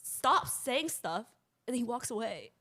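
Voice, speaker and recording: A young woman co-hosting a casual podcast, telling a lively story with laughter. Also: fairly high pitch, unhurried. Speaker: podcast co-host.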